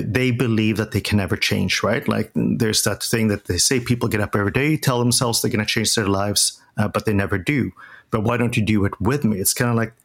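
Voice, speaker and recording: A male podcast co-host argues his reading of a film with earnest conviction. His voice sits a little low for a man. He speaks in a casual, conversational way. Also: creaky.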